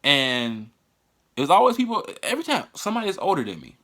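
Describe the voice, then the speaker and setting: A man's voice: fairly high pitch, wildly swooping pitch, bright, forceful tone. A man casually telling a personal story on a vlog, swearing often and stumbling over restarts. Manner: profane, halting, with frequent restarts. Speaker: vlogger.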